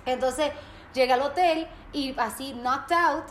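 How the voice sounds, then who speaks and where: A woman's voice: high voice, unhurried, reverberant, slight background noise. A woman, telling a story in a casual chat and dropping English words into her speech. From Puerto Rico.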